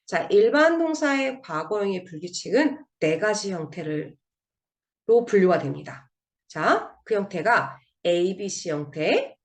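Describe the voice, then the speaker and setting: A woman teacher walks through grammar slides in a recorded lesson. Her pitch sits in the middle but rises and falls a lot as she drills words. She keeps posing questions to her students and answering them herself. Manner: drills word forms with strong rise and fall in pitch. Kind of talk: recorded online grammar lecture over slides.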